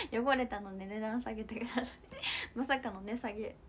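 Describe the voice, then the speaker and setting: A young woman chats with her viewers on a livestream, reacting to their comments with giggles. Her voice sits high and lively. A faint noise hums under the home mic. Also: moderate pace. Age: young adult. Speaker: idol livestream host. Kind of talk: casual livestream chat reading comments.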